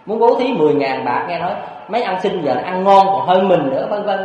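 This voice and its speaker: A man preaching a Buddhist sermon, animated and storytelling, with frequent rhetorical questions to his listeners. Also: sits high, brisk. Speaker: Buddhist monk. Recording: echoey hall, dull lo-fi sound.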